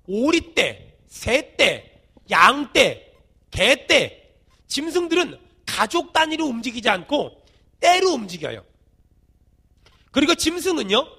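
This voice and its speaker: A middle-aged man preaching a sermon as senior pastor, with a folksy, colloquial way of telling stories. He leads the congregation in call-and-response and swings from shouted emphasis to quiet, low asides. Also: slightly rough.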